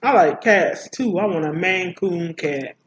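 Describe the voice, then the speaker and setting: Chatty higher-voiced man asking teasing questions. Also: animated, unhurried, dull audio, slight background noise. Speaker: vlog co-host. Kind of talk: casual chat while eating.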